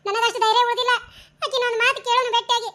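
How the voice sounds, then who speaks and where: Female voice actor: squeaky, piercing cartoon village women, North Karnataka Kannada accent, rapid chattering delivery. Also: fairly even intonation. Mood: anxious. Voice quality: very high, bright and shrill. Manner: fast, chattering village talk. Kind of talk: cartoon dialogue acting.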